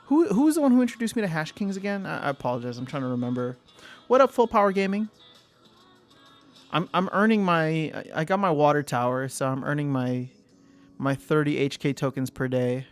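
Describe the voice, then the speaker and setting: A man's voice: fairly high pitch, expressive, fast talker, soft background music. A young man hosting a casual livestream, thinking aloud, answering chat and trailing off mid-sentence. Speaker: livestream host.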